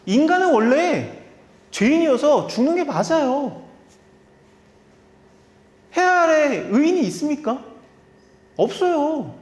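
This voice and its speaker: A man's voice: very high-pitched, sing-song, slow, pauses often. A man preaching an expository sermon in a conversational way, acting out the voices he quotes. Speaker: pastor. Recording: echoey hall reverb.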